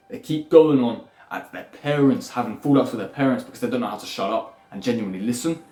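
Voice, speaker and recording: A young man with a warm, medium-pitched voice delivers a blunt, rambling self-improvement lecture, swearing freely. The room is echoey, with faint music in the background.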